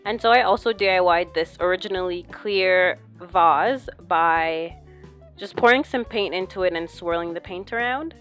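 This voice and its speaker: Bright, forceful young woman vlogger. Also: fairly low pitch, moderate pace, faint music behind. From lives in Canada. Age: young adult. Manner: chatty, instructional, addressing viewers. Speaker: home decor vlogger. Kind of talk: upbeat YouTube vlogger narration, explaining DIY projects.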